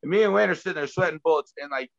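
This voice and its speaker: A man's voice: a little high, rapid-fire, gravelly, no room sound, dull audio. A man telling wild road stories in casual chat, swearing and laughing. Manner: animated, profane, laughing storyteller. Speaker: guest, former wrestler. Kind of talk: casual storytelling.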